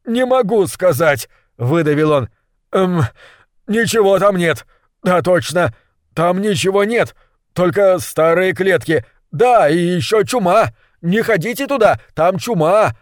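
A man's voice: high voice, expressive, measured pace, no echo, clean studio sound, pitched above the performer's own voice. Man doing a blubbering cowardly ratcatcher. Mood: nervous lying. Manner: blubbering, stammering. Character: panicky lying male ratcatcher, cowardly.

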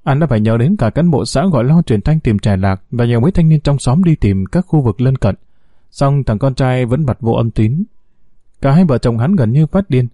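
A man narrating a dramatic story in a steady, scripted way. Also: mid-range voice, normal speed, no room sound, clean studio sound.

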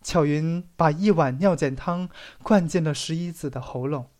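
Speaking at normal speed with a medium pitch, an audiobook narrator delivers a literary story in an expressive way, underlining its dramatic phrases.

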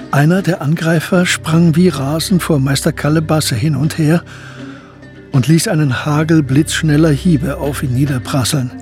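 A male actor narrates a historical crime radio drama, reading scripted literary prose in the third person. His voice is fairly high-pitched and sounds natural.

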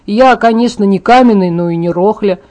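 A cocky teenage boy in a storybook reading, calm and smug, teasing without a care, as a woman narrator reads him. The voice stays mellow and darkish, close to the reader's own. It is an everyday read rather than a full character voice. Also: mid-range voice, fairly quick, lightly acted.

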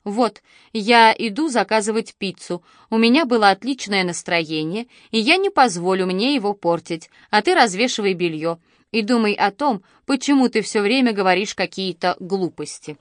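A woman's voice: medium pitch, animated, moderate pace, dry recording, studio quality, lightly acted. A woman reading a busy, dismissive mother. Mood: snapping. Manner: matter-of-fact, dismissive, then snapping. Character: tired busy middle-aged mother, calm then sharp. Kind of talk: audiobook dialogue.

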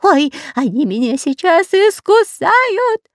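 A woman's voice: extremely high pitch, sing-song, slow pace, no echo, studio quality, pitched above the performer's own voice, exaggerated voice. Woman doing a squealing cowardly spy. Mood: whimpering. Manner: wailing, squealing, stammering. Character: whiny cowardly long-nosed male spy.

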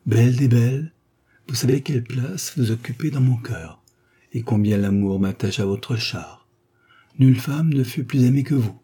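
A man's voice: lowish voice, moderate pace, mellow, slightly rough. A man reading as a courtly doomed count. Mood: tender. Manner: courtly, earnest declamation. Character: doomed aristocratic male count, gracious and composed.

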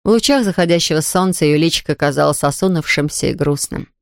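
A woman narrating an audiobook in a calm, measured storytelling manner. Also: low voice, vocal fry, dry recording, clean studio sound. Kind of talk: scripted narration.

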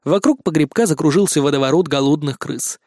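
A man reading a children's fantasy story aloud in a lively, playful narration. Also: fairly high pitch, fairly quick, no echo, clean studio sound. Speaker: audiobook reader.

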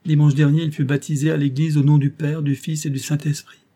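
A man voicing a grieving young mother who murmurs in a daze, in a husky, warm voice. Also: a little high, level tone, fairly quick, pitched above the performer's own voice, natural voice. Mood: dazed grief. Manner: murmuring, dazed.

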